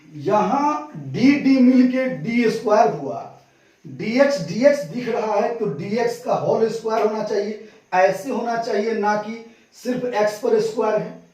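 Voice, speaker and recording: Man, Bihari Hindi accent, maths teacher, slow deliberate lecture, far from the mic. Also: high-pitched, darkish tone. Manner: asks the class questions and answers them himself. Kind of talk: classroom lecture at a board. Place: classroom. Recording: echoey classroom from far off.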